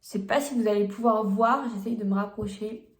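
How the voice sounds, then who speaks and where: Speaking a little fast in a steady, medium-pitched voice, a young woman films a casual makeup test vlog on her phone at home. She chats frankly with her viewers as she applies products, and the recording sounds roomy.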